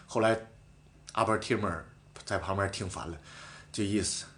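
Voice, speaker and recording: A man casually telling a story from a bike race in a podcast chat, animated and swearing now and then. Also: fairly low pitch, normal speed, slight background noise. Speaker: professional cyclist guest.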